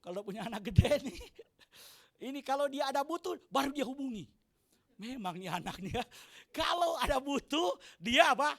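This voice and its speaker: A man preaches a sermon in a church hall. His voice sits very high and sounds forceful and bright. He rises to shouts for emphasis, then asks the congregation questions and jokes with them. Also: animated, normal speed, vocal fry. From Indonesia. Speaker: pastor.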